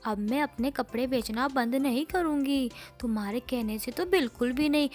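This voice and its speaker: A woman's voice: high-pitched, normal speed, a little mellow, natural voice. A woman voicing a brave little female sparrow who runs a clothes shop and is a mother. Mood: defiant.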